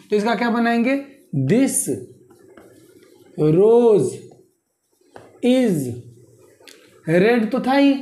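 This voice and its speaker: A man's voice: high voice, darkish tone. A man teaching an English grammar lesson, explaining step by step, spelling words letter by letter and often checking in with "theek".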